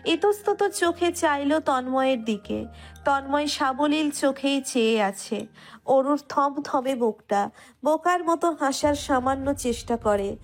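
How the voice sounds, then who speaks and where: A woman narrator reading a scripted romantic story in expressive literary prose. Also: high voice, a little slow, faint music behind.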